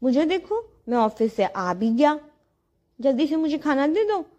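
A woman's voice: high voice, very animated, measured pace, dark tone, muffled recording. A woman quoting her impatient husband, demanding and scolding. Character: impatient husband back from the office.

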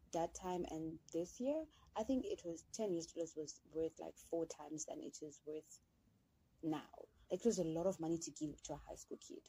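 A woman's voice: low-pitched, warm tone, husky, poor audio. A young woman from Zimbabwe hosting a podcast, telling a personal story in a candid, chatty way and speaking straight to her listeners. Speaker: podcast host. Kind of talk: casual storytelling.

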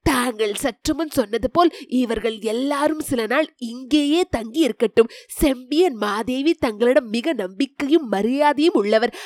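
A weary, gentle old emperor, as a woman storyteller puts him on, speaks in a hushed, measured voice with a slightly raised, bright pitch. The audiobook sound is close and dry, with no room around it. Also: no room sound, lightly acted. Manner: soft and measured, spoken low. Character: aging troubled male emperor, weary and gentle. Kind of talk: audiobook narration of a historical novel.

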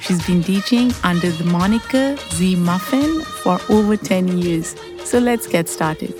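A woman's voice: lowish voice, lively intonation, a little slow, music in the background. A woman hosting a podcast interview, eager and asking friendly questions. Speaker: podcast host.

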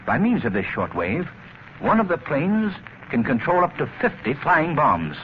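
An actor playing a keen, assured gentleman sleuth, crisp and earnest, in an old radio drama. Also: fairly high pitch, huge pitch swings, unhurried. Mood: grave, urgent. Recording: muffled, noisy vintage radio recording.

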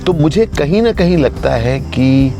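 A man's voice: fairly high pitch, animated, a little slow. A man in his fifties, hosting a thoughtful, musing conversation and mixing in English phrases. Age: 50s. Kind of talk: reflective casual conversation. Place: outdoors in green surroundings. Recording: music playing behind the talk.

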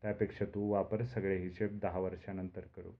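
A man voicing a brisk, assertive young woman friend in a storytelling reading, speaking in a bossy, matter-of-fact way. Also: deep voice, little pitch movement, vocal fry, muffled recording. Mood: persuasive.

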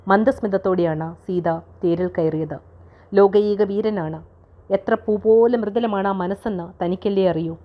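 A woman storyteller giving a calm, measured, scripted storybook narration on a dull lo-fi recording. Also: medium pitch.

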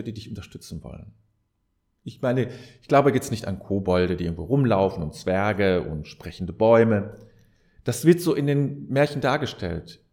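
Speaking in a mid-range, slightly mellow voice, a man offers reflective advice as a podcast host. His monologue sounds earnest, almost like preaching, speaks right to the listener, and repeats key phrases to drive them home.

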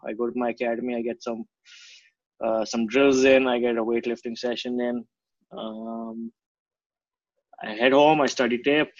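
A man's voice: medium pitch, no echo. A man with an Indian accent, a coach answering interview questions in casual, blunt, slangy speech. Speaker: martial arts coach, interview guest. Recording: dry but slightly dull audio.

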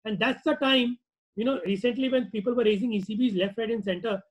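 Male webinar presenter, North Indian accent, high-pitched, informal and repetitive explainer style, slightly muffled recording. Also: steady tone, brisk. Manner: conversational, repetitive, rhetorical questions. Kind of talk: informal webinar lecture with acted-out client dialogue.

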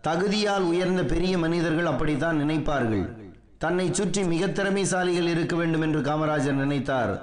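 Higher-pitched man narrating political history. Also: moderate pace, roomy sound.

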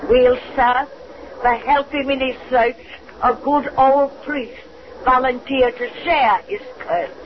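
An actress playing a 103-year-old witch who spins eerie yarns in rustic dialect for an old radio horror show. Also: sits high. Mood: gleefully spooky. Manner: slow rustic dialect, eerie cackling yarn-spinning. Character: ancient cackling witch storyteller, 103 years old. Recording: muffled, hissy old radio recording.

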